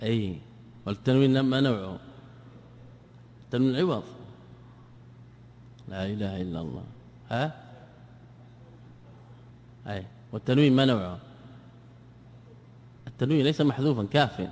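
A man's voice: mid-range voice, expressive, moderate pace, pauses often, a little mellow. A male scholar teaching grammar in a classroom lesson, repeating words and quizzing his students with questions. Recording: long reverb of a large hall.

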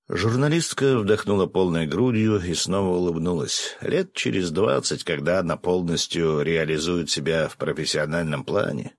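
Deep-voiced expressive male narrator. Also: dry recording. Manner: expressive, animated reading. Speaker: audiobook narrator. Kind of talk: scripted audiobook narration.

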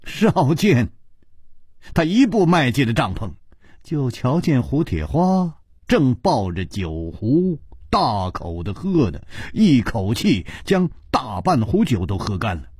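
A man telling a traditional storybook tale in the manner of a radio storytelling broadcast, with an expressive delivery. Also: medium pitch, measured pace, husky, no room sound, clean studio sound.

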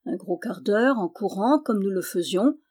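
A woman's voice: mid-range voice, expressive, normal speed, darkish tone, lightly acted. A woman reading the part of a timid young peasant man, pleading and earnest but stubborn. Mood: bold. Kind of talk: audiobook character voice.

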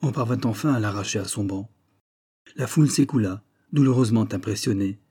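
Guy reading an old novel, steady pace, lowish pitch, dark mellow tone. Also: a little fast, breathy edge. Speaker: audiobook reader. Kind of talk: scripted narration of a classic novel.

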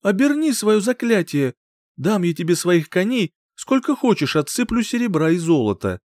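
A man voicing a boastful, hot-tempered young rival who boasts and rages in a shrill tone. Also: big pitch swings, a little mellow, dry recording, clean studio sound. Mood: pleading. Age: young adult. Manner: boastful, shrill, quick to rage.

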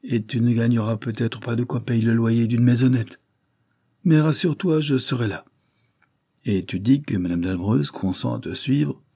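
A man voicing a sardonic, worldly young gentleman in a read-aloud novel, with a dry, ironic, measured delivery. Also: mid-range voice, creaky, husky, dry recording. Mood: skeptical.

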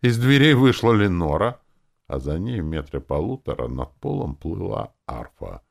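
A man narrating a fantasy audiobook in the first person, wry and expressive. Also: sits low, moderate pace, creaky.

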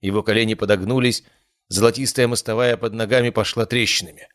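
A male narrator telling a first-person fantasy tale. His voice sits low and even, measured in pace. The recording is close and dry, with no room sound. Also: no echo. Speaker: audiobook narrator.

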